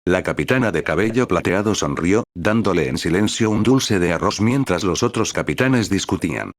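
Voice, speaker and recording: A man reading a fan-fiction story aloud as narrator in steady storytelling narration. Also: sits low, moderate pace, dry recording, clean studio sound.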